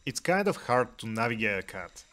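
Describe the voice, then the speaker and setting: A man giving calm voice-over narration for a walk with his cat, with a dry, gently humorous manner. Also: medium pitch, moderate pace. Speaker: cat vlogger narrating a hike.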